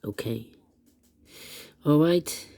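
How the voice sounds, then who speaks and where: Creaky man with a strained, failing voice. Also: a little high, animated, mellow. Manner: halting, repetitive counting in short phrases. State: lost voice, strained and troubled. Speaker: puzzle tutorial host. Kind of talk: step-by-step puzzle walkthrough, thinking aloud.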